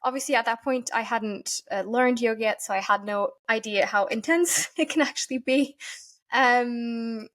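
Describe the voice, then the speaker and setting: A woman's voice: a little high, moderate pace, fairly bright tone. Earnest woman. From Portugal. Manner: earnest, thoughtful, searching for words. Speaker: podcast guest, yoga teacher. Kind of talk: reflective interview answers.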